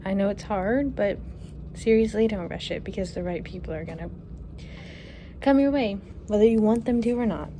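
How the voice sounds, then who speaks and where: A relaxed young woman in her twenties chats through viewer questions, thinking aloud and trailing off with fillers. Her voice sits at an ordinary mid pitch. She records on her phone at home, with a clear hiss of background noise. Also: moderate pace. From Kentucky. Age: 20s. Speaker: vlogger. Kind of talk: casual Q&A vlog. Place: her apartment, indoors. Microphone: phone camera.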